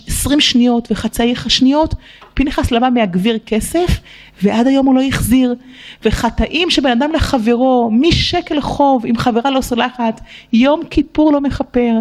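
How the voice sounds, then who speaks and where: A middle-aged woman telling a sermon story to girls, leaping high and slow into quoted and prayed lines, tearful at times. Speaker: religious teacher addressing girls.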